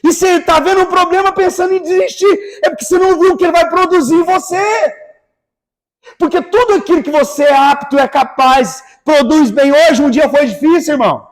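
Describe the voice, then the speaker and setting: A man preaching a lively evangelical sermon, swinging between hushed asides and shouted exclamations. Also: very high-pitched. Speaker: pastor. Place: church.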